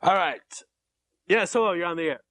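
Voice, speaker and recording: A man hosting a live call-in radio show, talking fast and needling his caller with jokes. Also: high voice, lively intonation, fairly bright tone.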